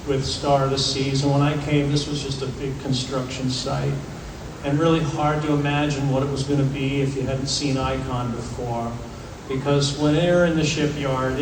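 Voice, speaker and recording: A man speaking as a ship's captain, answering audience questions informally, in a conversational way with deliberate pauses. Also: mid-range voice. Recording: echoey venue, distant, clearly noisy ambience.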